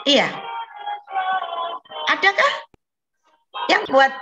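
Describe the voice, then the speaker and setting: A woman's voice: sits high, big pitch swings, extremely slow, bright, forceful tone, highs cut off, faint music behind. A woman leading a children's Bible lesson over a video call, patiently coaxing the kids with questions. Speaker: children's Sunday school teacher.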